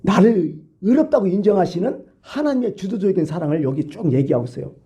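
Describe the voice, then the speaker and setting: Male pastor, sermon delivery, warm mellow tone, emphatic with sudden hushed lines. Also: high-pitched, animated, brisk. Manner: emphatic preaching with rhetorical questions, swinging from loud to hushed. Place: church.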